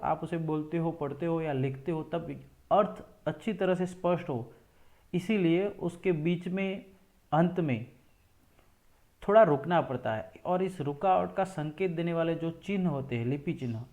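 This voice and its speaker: A man's voice: fairly high pitch, darkish tone. A man teaching a school grammar lesson, explaining step by step and repeating examples.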